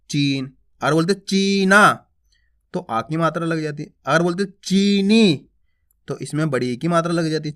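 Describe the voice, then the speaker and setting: Man, Hindi teacher, slow drilling delivery, bright ringing tone, asks and answers his own questions. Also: high voice. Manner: says each word twice, drawing out the first, then explains step by step. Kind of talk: slow word-by-word reading lesson.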